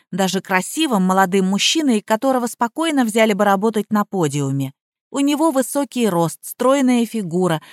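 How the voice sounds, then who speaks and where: A woman narrating a first-person audiobook in a measured, even storytelling manner. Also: on the high side, no room sound, studio quality.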